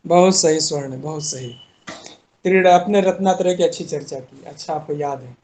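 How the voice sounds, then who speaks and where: A man's voice: on the high side, normal speed, darkish tone, a little hiss or hum. A man with an Indian accent giving a classroom lecture as a university teacher, explaining step by step and putting questions to his students.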